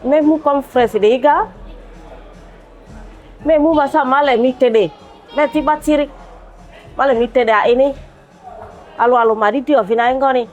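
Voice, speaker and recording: A woman answering an interview in brisk, short phrases. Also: sits high, darkish tone, faint music behind. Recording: dull lo-fi sound.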